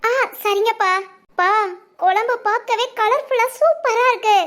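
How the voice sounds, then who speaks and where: A woman plays a sweet, grateful young woman in a comedy cartoon. Her voice sits extremely high and she talks with gentle, teasing affection. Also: normal speed, noisy background. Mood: fond.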